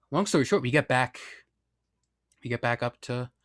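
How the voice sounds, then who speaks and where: A young man with an ordinary mid-range voice tells a personal story in a loose, casual way. He is candid and quick to poke fun at himself, drifting into side comments as he goes. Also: mid-range voice, a bit bright. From Northeastern US. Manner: candid, self-deprecating, rambling with asides. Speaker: podcast storyteller.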